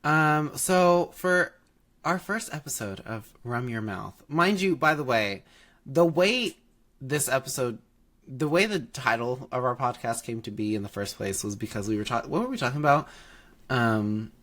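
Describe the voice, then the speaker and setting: A sassy young man in his twenties co-hosting a casual podcast, his voice a little congested from allergies. He talks in a lively, joking way and laughs often, at a mid pitch typical for a man. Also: a little slow. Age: 20s. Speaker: podcast co-host. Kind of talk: casual chat.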